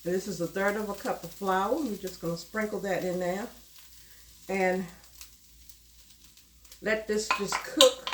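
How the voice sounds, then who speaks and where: Standing at her stove, a middle-aged woman hosts a casual cooking vlog, explaining a recipe in a warm, homey way and addressing viewers as y'all. Her mid-range voice is congested and a bit nasal from a cold that hasn't cleared, with fairly even intonation, a slightly slow pace, and long pauses. The roomy kitchen is noisy, with loud sizzling and frying coming from the pan.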